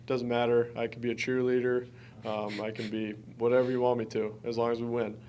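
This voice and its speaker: Heard on a low-quality recording with slight background noise, an early-twenties college basketball player from Wisconsin, in the United States, takes press conference questions. His answers are earnest and informal, delivered a little fast in a mid-range, darkish voice with a level tone.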